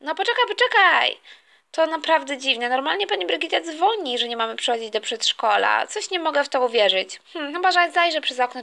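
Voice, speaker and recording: A woman's voice: high-pitched, gravelly, bright, forceful tone, full character voice. Woman doing a doubtful little girl. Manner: questioning, suspicious. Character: young girl, doubtful and questioning. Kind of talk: toy play storytelling.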